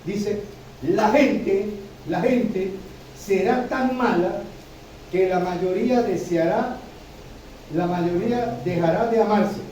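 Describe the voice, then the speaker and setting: A man's voice: sits high, takes it slowly, pauses often, dark tone, slight background noise. A man preaching a sermon. He repeats himself and keeps checking in with his listeners by asking "¿sí?". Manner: repetitive, addresses listeners with frequent "¿sí?". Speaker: pastor. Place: church hall. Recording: echoey room, from far off.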